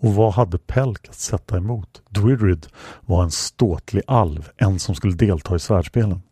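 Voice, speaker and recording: A man reading a fantasy story aloud as a calm audiobook narrator. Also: low-pitched, husky, dry recording, studio quality. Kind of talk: scripted narration.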